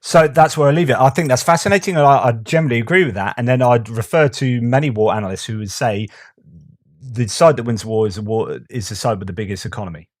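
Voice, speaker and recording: A man's voice: medium pitch, fast, no echo, clean studio sound. A man giving casual commentary on war news, reading out quotes and asking rhetorical questions.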